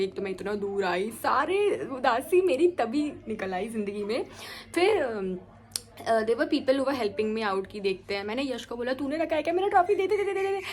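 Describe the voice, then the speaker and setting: A young woman vlogger telling a personal story in a lively, animated way, switching between Hindi and English and acting out her own quoted lines. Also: fairly high pitch. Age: young adult. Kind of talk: casual storytelling vlog.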